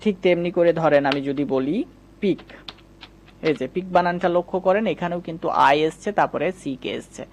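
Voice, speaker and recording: A man teaching English spelling sounds in a patient, step-by-step spoken lesson, repeating each rule. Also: a little high. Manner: patient, repetitive, explains step by step.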